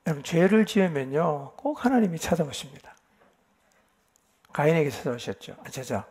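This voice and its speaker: A man's voice: a little high, darkish tone, husky. A male pastor giving a Bible lecture at a church retreat, addressing the congregation directly with emphatic rhetorical questions. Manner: keeps addressing the listeners directly, with affirming "yes".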